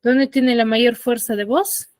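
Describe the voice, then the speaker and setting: A woman's voice: a little high, fairly even intonation, measured pace, a little mellow, dry recording. A woman teaching a secondary school class over a video call, quizzing her students and checking often that they follow. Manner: quizzes the students, often checks understanding with short tag questions.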